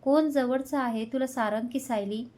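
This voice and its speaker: A woman reading the part of an easygoing young man, a loyal best friend, speaking in a calm, reassuring way. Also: sits high, normal speed, close to an everyday voice.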